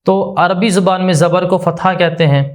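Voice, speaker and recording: A man giving a religious grammar lesson, slowly explaining and drilling each point by asking a question and answering it himself. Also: sits high, steady tone. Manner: slow, deliberate, repetitive explanation. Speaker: religious teacher.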